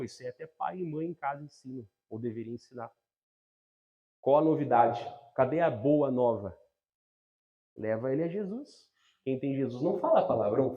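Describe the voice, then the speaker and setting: A man with a Brazilian Portuguese accent preaching a sermon, talking conversationally, asking the congregation frequent tag questions and rising to loud, emphatic scripture readings. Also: a little high, muffled recording. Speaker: pastor.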